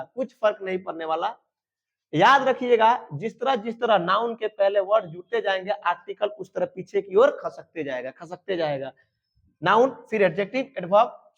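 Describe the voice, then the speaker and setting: A man teaching an exam-prep grammar lesson, lively and colloquial, often asking his students rhetorical questions. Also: high voice, muffled recording. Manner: colloquial and teasing. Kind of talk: online exam-prep lecture.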